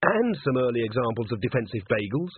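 A man's voice: mid-range voice, very animated, a little fast, husky, dry recording. Earnest, literal young male watch officer for a storybook, voiced by a man, bouncy intonation, courteous, narrow radio-like sound. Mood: enthusiastic. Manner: polite, guileless, earnest. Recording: tinny band-limited radio-like sound.

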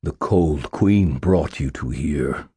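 A man doing a slow, looming ancient island spirit. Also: extremely low pitch, husky, no room sound, clean studio sound, full character voice. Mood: solemn. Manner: slow, flat, emphatic pronouncements. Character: enormous ancient male island spirit, calm, inhuman. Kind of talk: audiobook narration.

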